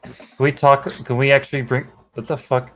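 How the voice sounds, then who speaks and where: A man's voice: mid-range voice, level tone, fairly quick, a crowd in the background. A man bantering on a casual comedic podcast, exasperated and swearing often.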